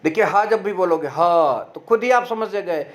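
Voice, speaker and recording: A man with a high-pitched voice teaches an online grammar lesson. He asks questions and then answers them himself. He drags out each letter sound slowly and clearly to show how it is made. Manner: explains step by step, asks and answers his own questions.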